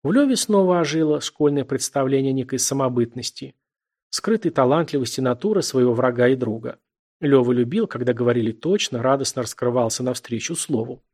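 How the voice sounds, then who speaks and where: A man reading a literary novel aloud as an audiobook narrator, at an even, measured pace. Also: medium pitch, slightly rough.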